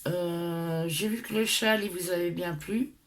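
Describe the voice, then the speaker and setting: This craft tutorial vlogger is a middle-aged Frenchwoman whose voice sits on the low side and moves at an unhurried pace. Lisping on her s sounds, she talks casually to followers, hesitating, rambling and putting herself down.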